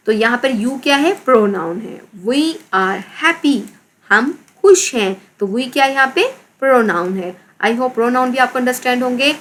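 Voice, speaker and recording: A female teacher with a Pakistani accent explains an English lesson in Urdu, repeating words and spelling them out one letter at a time. Her voice is on the high side and fairly bright, with a little background noise.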